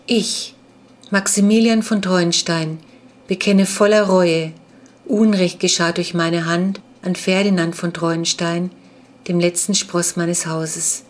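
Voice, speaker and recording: A woman's voice: on the low side, fairly even intonation, takes it slowly. A woman reading a father in a storybook as he reads aloud an old, formal confession. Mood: solemn. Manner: solemn, formal.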